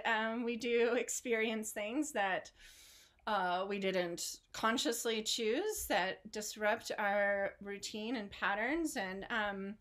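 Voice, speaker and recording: A woman hosting an online group, telling a story in a casual, rambling way full of fillers and small laughs, speaking into a video call microphone from home. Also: fairly high pitch. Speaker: online art studio host.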